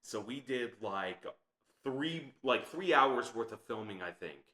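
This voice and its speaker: A man's voice: medium pitch, lively intonation, a little slow, bright, forceful tone, roomy sound. A young man, a podcast guest, chatting casually about making a film. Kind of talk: casual chat.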